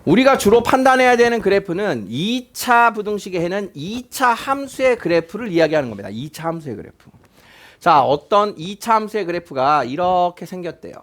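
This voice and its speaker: A male math teacher with a high-pitched, fairly bright voice gives a classroom lecture at a moderate pace, his pitch swinging widely. He asks questions and repeats key points to check that his students are following.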